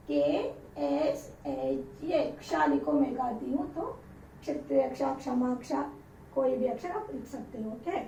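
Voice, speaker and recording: A woman's voice: sits high, creaky, a little mellow, slight background noise. A woman teacher giving a patient alphabet lesson, repeating each letter with example words as she dictates. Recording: roomy, distant, dull lo-fi sound.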